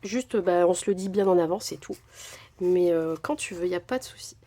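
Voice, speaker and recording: A woman's voice: fairly low pitch, normal speed, dark tone. Woman vlogger, casual unboxing chat, effusive, lots of fillers. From France. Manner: chatty, gushing, many fillers. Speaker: crafting vlogger.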